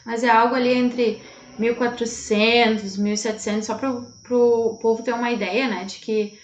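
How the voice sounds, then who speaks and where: A woman's voice: fairly high pitch, fairly even intonation, moderate pace, echoey room, lo-fi sound. A woman from Brazil, an English teacher co-hosting, explaining patiently and often checking in with listeners. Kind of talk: casual classroom-style chat.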